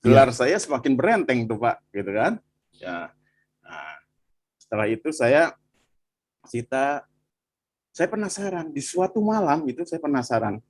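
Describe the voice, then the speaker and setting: A man from Bandung, telling his personal testimony in animated conversation and often addressing the listener as "Pak". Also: medium pitch, unhurried, long pauses. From Bandung, Indonesia. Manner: animated storytelling, frequent "Pak" and "gitu".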